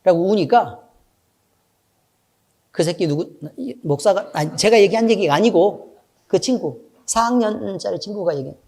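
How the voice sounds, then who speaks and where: Animated man preaching a sermon. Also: normal speed, pauses often. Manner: animated storytelling with frequent asides to the congregation; swings from loud emphatic bursts to low, quiet asides. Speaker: pastor.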